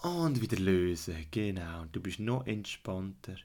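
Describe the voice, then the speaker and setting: Low-voiced Swiss German sleep story narrator, man. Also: animated. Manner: soothing, slow instructions with repetition, at times dropping to a hush. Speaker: guided relaxation narrator. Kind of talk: sleep story narration, guided fantasy journey and relaxation.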